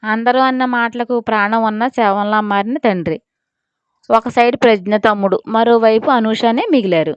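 A woman's voice: fairly high pitch, moderate pace, clear, resonant tone, no echo, muffled recording. A woman narrating a scripted audio story and voicing all the characters herself.

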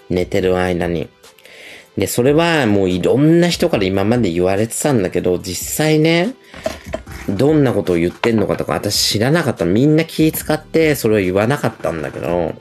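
A man's voice: fairly low pitch, a little mellow. A middle-aged man livestreaming, telling stories in a chatty, gossipy way with a feminine speech style. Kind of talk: casual livestream chat.

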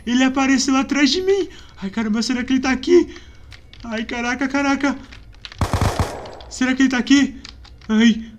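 A man with a Brazilian accent doing let's play commentary, excitable and often breaking into frightened screams and cries. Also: very high voice, moderate pace, pauses often, highs cut off, background noise. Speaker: gaming YouTuber.

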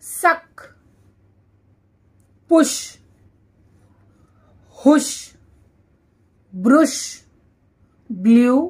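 Woman, dictation teacher, very slow, high voice, repeats each word.

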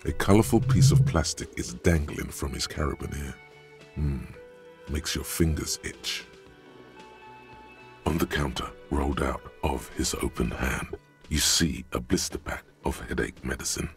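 An actor voicing a wry, grim male narrator in a video game, with a deep gravelly voice and a slow, deadpan delivery. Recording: game audio over background music.

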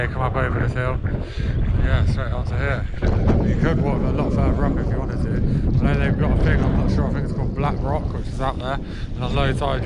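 A young man rambles along, chatty and easygoing, as he films himself fishing on a sea wall. Loud wind batters the camera mic the whole time, and water is heard behind him. His voice sits at an ordinary middle pitch for a man. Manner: rambling and chatty, repeats "but yeah" a lot. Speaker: angler vlogger. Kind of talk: casual outdoor vlog. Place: outdoors on a sea wall by the shore. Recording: loud wind noise outdoors.

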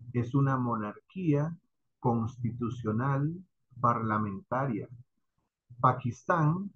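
A man's voice: medium pitch, breathy edge, muffled recording. A man with a Costa Rican accent teaching an online class, explaining patiently and checking in with students often. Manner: explanatory, addresses students directly with frequent "¿verdad?" and "¿ok?".

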